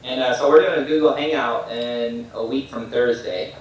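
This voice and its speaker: A man's voice: mid-range voice, steady tone, normal speed, a little hiss or hum. Guy asking straight questions, far from mic, big echo. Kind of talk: casual chat.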